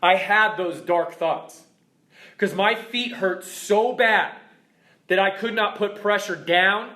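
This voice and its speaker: A man's voice: sits high, takes it slowly, pushed and bright, roomy sound. A man in his thirties, the founder of a fitness program, telling an emotional story as a motivational talk to his members.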